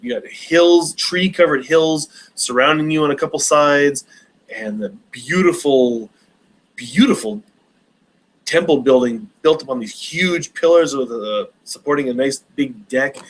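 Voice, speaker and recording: A man's voice: medium pitch, a bit bright, poor audio. A man in his forties hosting a casual live stream Q&A, rambling with many hesitations and restarts. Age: 40s.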